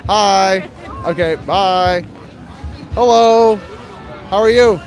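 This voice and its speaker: A man's voice: sits high, very slow. A man hosting a casual livestream at an outdoor street protest, chatting with people and inviting strangers on. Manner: chatty, friendly, approaches strangers. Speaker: livestream host. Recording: crowd and music behind.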